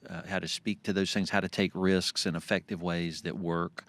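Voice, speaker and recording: A man's voice: sits low, flat delivery, moderate pace, fairly bright tone. A man in his forties, a guest on a podcast, chatting casually and laughing easily about his accounting work. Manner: easygoing, laughs often, many fillers. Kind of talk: casual interview chat.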